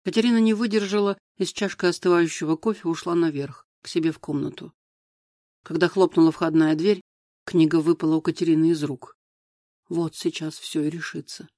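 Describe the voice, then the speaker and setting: A man narrating an audiobook in a measured, even storytelling manner. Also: fairly high pitch, no room sound, studio quality. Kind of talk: scripted narration.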